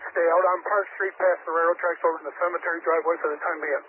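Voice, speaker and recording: A male fire commander with a slightly high voice issues practical orders over two-way radio. He sounds directive and instructional on a thin, phone-like channel with faint noise. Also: level tone, racing.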